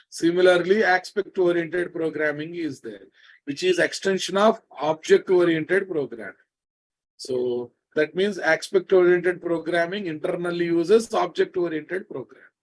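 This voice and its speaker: A man's voice: fairly high pitch, poor audio. A man with a Telugu Indian accent giving a live programming lecture, repeating phrases and checking on his students with familiar, prodding questions. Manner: repetitive, questioning, scolding familiar address to students. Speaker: programming teacher.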